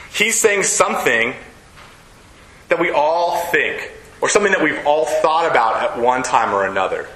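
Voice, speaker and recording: A man preaching in a relaxed, chatty way, with jokes and frequent check-ins. His voice is bright and sits a little high for a man. The room around him rings with echo. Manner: chatty and joking, often checks in with "okay?". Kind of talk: conversational sermon. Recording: echoey room.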